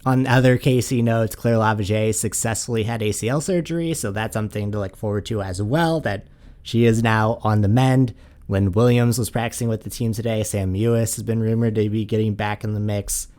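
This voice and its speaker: A man's voice: lowish voice, steady tone, brisk, a little mellow. A man from St. Louis hosting a soccer podcast, laid-back and full of casual fillers. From St. Louis, USA. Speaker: podcast host. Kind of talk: casual interview chat.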